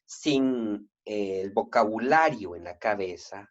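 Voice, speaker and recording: A man with a Central American Spanish accent teaching Greek grammar in an online lesson, patient and halting, with many fillers and self-corrections. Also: on the low side, expressive. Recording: dull lo-fi recording.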